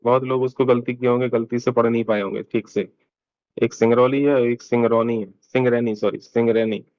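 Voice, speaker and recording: A man's voice: mid-range voice, flat delivery, fairly quick, no room sound, lo-fi sound. A man teaching an exam-prep lesson in a casual, chatty way, explaining each answer step by step and mixing in English terms.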